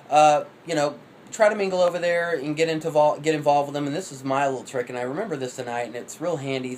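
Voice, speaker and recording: Fast-rambling cocky man. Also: medium pitch, darkish tone, a little hiss or hum, low-quality recording. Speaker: vlogger. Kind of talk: rambling dating advice monologue.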